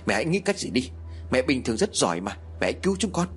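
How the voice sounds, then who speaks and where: A man's voice: very animated, fast talker, close to an everyday voice. A man voicing a frightened young man begging his mother for help. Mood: pleading. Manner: pleading, rising pitch.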